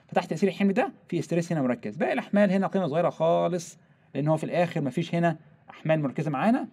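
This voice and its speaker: A young man with an Egyptian Arabic accent, teaching a screen-recorded software lesson step by step and mixing in English technical terms. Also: a little high. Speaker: software tutorial instructor.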